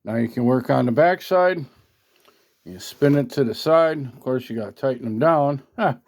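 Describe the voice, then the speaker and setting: He talks at a normal speed in a medium-pitched, darkish, animated voice. Standing at an indoor workbench, this product reviewer and radio hobbyist gives a casual, folksy, mildly salty hands-on demo, filmed on a handheld phone.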